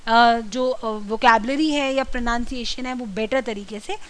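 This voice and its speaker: High bright-voiced woman teaching. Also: fairly even intonation, normal speed, low-quality recording. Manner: explanatory, drills words with exaggerated stress. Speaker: communication skills trainer. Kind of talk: classroom lecture mixing Hindi and English.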